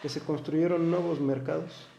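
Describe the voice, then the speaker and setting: A man's voice: fairly high pitch, fairly even intonation, normal speed, creaky, warm tone, echoey room, dull audio, a little hiss or hum. A man with a Mexican Spanish accent, a lawyer and guest in a studio interview, talking earnestly and stammering on his opening words.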